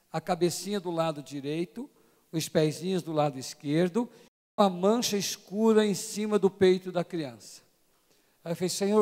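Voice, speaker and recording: A man preaching a sermon, telling a story that builds from hushed tones to shouting. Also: high-pitched. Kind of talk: sermon testimony. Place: large church hall. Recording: long church hall reverb.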